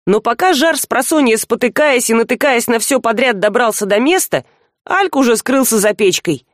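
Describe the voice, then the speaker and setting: A woman narrating a fantasy audiobook in a lively, animated storytelling style. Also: on the high side, moderate pace, no echo, studio quality.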